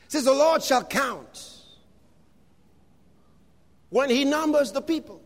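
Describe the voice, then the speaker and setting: A man preaching a fervent sermon, reading scripture aloud, calling out to the congregation and shouting refrains, at times slipping into speaking in tongues. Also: extremely high pitch, animated, slow pace. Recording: long hall reverb.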